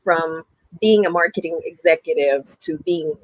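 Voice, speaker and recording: A man's voice: a little high, normal speed, dry recording, lo-fi sound. A man in his late forties hosting an interview, chatty and upbeat. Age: late 40s. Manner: chatty, upbeat, laughs often. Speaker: host. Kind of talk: interview talk show.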